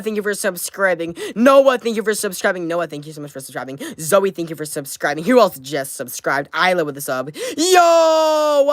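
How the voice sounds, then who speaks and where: A woman's voice: medium pitch, a bit bright, no room sound. A woman with a playful gamer-girl streamer voice, swinging animatedly up and down as she works the chat. Her patter is slangy and repetitive, built to hype viewers up. The sound is dry and close. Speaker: live streamer hosting a donation and subscriber giveaway. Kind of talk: hyped livestream patter to chat.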